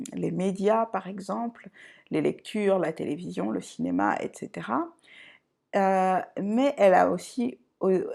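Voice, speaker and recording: Woman from ivory coast and france doing an intro vlog, low voice with heavy fry, slow and thoughtful, lots of pauses. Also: darkish tone. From Côte d'Ivoire and France. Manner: reflective, unhurried, often searching for words. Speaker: channel host.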